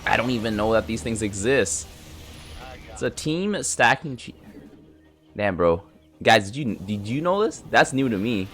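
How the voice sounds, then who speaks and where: A man with a stuffy nose giving casual, rambling gameplay commentary, chatting with his viewers and breaking into surprised excitement. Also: on the low side, unhurried, long pauses. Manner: laid-back, rambling, chatty with viewers as "boys". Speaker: gaming YouTuber. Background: game music and sound effects.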